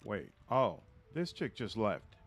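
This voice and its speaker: A man's voice: fairly low pitch, wildly swooping pitch, slow pace. A man streaming a video game, giving casual live commentary, thinking aloud and often trailing off.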